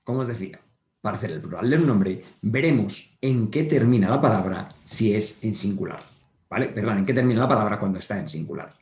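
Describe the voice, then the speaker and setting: A man's voice: on the low side, animated, fairly quick, darkish tone. A man giving a patient whiteboard grammar lesson to schoolchildren, repeating each point and checking in often. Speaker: primary school teacher. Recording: roomy echo.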